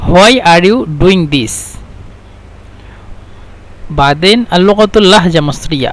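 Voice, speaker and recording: High-voiced man teaching phrases. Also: fairly bright tone. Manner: repeats phrases slowly, then translates into Standard Arabic and English. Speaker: Arabic teacher. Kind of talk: language lesson.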